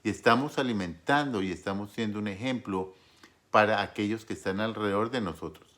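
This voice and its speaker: A man preaching a sermon in an earnest, exhorting way, with frequent pauses. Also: on the low side, fairly bright tone. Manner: earnest, exhorting, pausing often.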